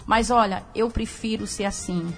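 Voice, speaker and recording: A woman's voice: mid-range voice, steady tone, moderate pace, creaky, soft background music. A woman radio pastor preaching with fervent emphasis, laughing often as she talks.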